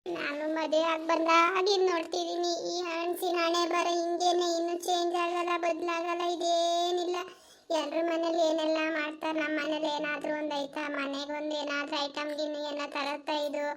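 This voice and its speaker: Scolding village wife. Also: female voice, very high-pitched, completely flat delivery, normal speed. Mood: weary grumbling. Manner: scolding, grumbling lament. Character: fed-up village wife of a drunk husband. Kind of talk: comedy skit acting.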